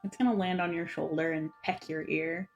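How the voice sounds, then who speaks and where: A woman running a tabletop game as dungeon master, describing scenes in an unhurried, descriptive way. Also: lowish voice, fairly even intonation, muffled recording, faint music behind.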